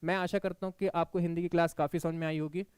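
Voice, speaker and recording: High-voiced man teaching Hindi grammar. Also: flat delivery, darkish tone, smooth, dry recording. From Madhya Pradesh, India. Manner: explains step by step, often checking in with "theek hai"; recites verse examples slowly and deliberately. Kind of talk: exam-prep Hindi grammar lecture.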